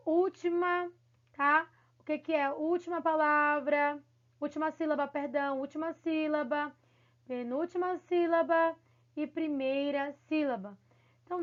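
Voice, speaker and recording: A woman's voice: high voice, dull audio. A woman teacher giving a recorded lesson to children, encouraging and affectionate, often checking in with her pupils. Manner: encouraging, affectionate, repeats "tá bom?".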